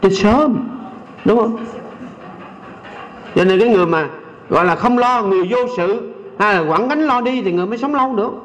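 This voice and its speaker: High-voiced older monk, Southern Vietnamese accent. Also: male voice, fairly bright tone, dull audio. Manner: folksy, teasing, keeps asking the audience "right?"; slows to recite and sing verses. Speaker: Buddhist monk. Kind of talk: Dharma talk to a lay audience.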